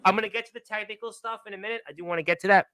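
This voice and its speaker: Rapid-fire and forceful, a man from Brooklyn, New York chats on his radio show, his high, bright voice keeping a fairly even intonation. The talk is loose and rambling, filled with "uh" fillers and shout-outs to listeners.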